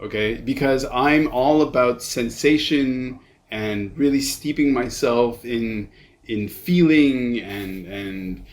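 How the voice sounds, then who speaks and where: A man in his fifties from Canada hosts a casual interview. He is effusive and quick to interject, speaking at a medium pitch. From Montreal, Canada. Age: 50s. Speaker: podcast host.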